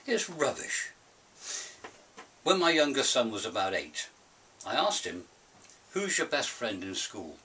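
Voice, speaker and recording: Grumpy older British man, swooping pitch. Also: big pitch swings, normal speed, pushed and bright, husky. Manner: grumpy old man grumbling, emphatic and rhetorical. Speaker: presenter of his own opinion series. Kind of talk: opinionated monologue to camera. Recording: hissy, distant microphone.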